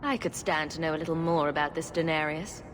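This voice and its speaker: A woman's voice: sits low, fairly even intonation, fairly quick, slight background noise, close to an everyday voice. An actress playing a female hero in a game, speaking directly and plainly. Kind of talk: video game dialogue. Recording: game music underneath. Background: game score.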